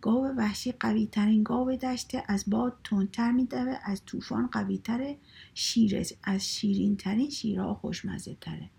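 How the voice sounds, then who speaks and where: A woman voicing a small, clever, cheeky male rabbit in a children's story, pleading and singing flattery. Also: on the high side, gravelly, husky, heavily acted. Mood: flattering singsong. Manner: pleading, then sings flattery to a drum.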